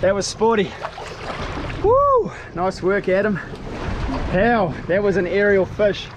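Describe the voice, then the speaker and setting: Fired-up New Zealand fishing host on a boat. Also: male voice, high-pitched, wildly swooping pitch, highs cut off. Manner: shouting quick commands to the crew. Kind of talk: excited on-boat fishing commentary. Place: open boat on the ocean, outdoors. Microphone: action camera. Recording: loud wind and boat noise.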